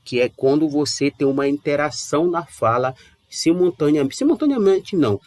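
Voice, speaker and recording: A man from Brazil teaching English in a casual online lesson, chatty and repeating words slowly to model pronunciation. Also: a little high, no echo.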